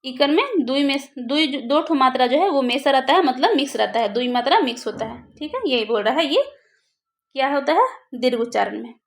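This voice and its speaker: A woman's voice: high-pitched, expressive, fairly quick, gravelly. A woman teaching a grammar lesson for exam preparation, who asks questions and answers them herself.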